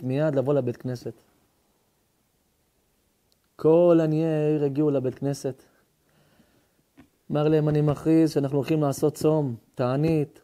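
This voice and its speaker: A man, a rabbi, telling a story in a sermon, acting out the dialogue with sudden high, excited voices and shouts.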